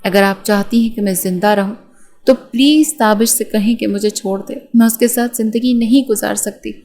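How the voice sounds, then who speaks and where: A woman's voice: medium pitch, steady tone, a little mellow, close to an everyday voice. A woman voicing a frightened young student bride in an audiobook, pleading and tearful. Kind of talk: audiobook character reading.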